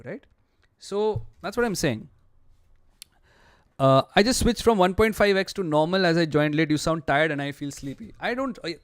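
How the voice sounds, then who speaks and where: Lax, low-key Indian man streaming, mellow voice. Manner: low-key, relaxed, lax, low-energy delivery; mixes Hindi phrases into English. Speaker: live streamer. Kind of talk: casual chat with viewers on a livestream.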